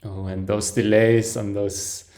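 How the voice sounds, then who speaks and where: A man reacting live to an album, commenting enthusiastically with soft "ooh"s and chuckles, often breaking off and restarting sentences as he listens. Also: fairly low pitch, little pitch movement, slow pace. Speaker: music reaction host.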